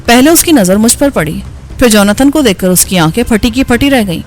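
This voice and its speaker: A woman narrating an action novel as an audiobook, in a steady storytelling voice. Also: on the high side.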